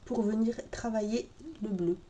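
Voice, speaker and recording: Mellow-voiced woman narrating a makeup tutorial. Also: medium pitch, moderate pace. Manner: calm, step-by-step, talking while working. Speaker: makeup vlogger. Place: home room with birdsong outside.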